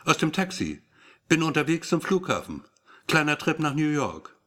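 A man reading a sharp-tongued, impatient woman journalist in an audiobook, speaking in a curt, sarcastic way. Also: a little high, big pitch swings, moderate pace.

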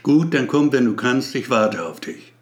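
A man's voice: medium pitch, expressive, normal speed, close to an everyday voice. A man voicing a lonely painter in a read-aloud story, rambling and wry. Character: lonely middle-aged male painter, wry.

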